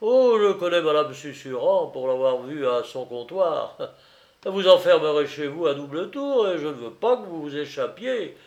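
A man doing a loud jovial prankster uncle. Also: on the high side, expressive, measured pace, muffled recording. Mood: teasing. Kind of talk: audiobook character voice.

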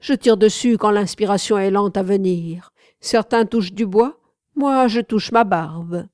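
Grandiose elderly master sculptor read by a woman, declaims loudly in a mellow, dry-recorded audiobook voice. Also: medium pitch, measured pace, dry recording, natural voice. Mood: jovial.

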